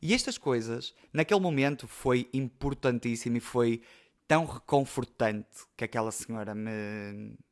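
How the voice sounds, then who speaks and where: Full of fillers and emotion, a young podcast host shares personal stories in a chatty, casual manner, his accent European Portuguese. He speaks at a moderate pace in a mid-range voice.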